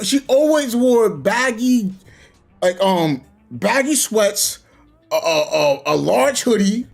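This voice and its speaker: A man chats casually while he plays, rambling through a story and voicing everyone in it. His voice is husky and swings widely up and down in pitch. Faint music plays underneath. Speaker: gaming streamer. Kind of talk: casual chat while gaming.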